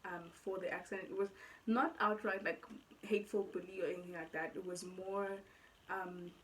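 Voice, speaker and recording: A Nigerian woman in her twenties, with an accent blending Nigerian and South African, chats casually as a vlogger telling her own story, thinking aloud and often correcting herself mid-thought. Her lowish voice is fairly bright with fairly even intonation and a moderate pace, on a rough recording with a little hiss or hum.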